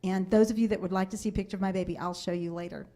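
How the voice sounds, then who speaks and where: Animated woman giving a sales seminar. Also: medium pitch, racing. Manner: animated storytelling, acting out family voices. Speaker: sales trainer and speaker. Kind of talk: seminar talk to a live audience. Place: seminar room.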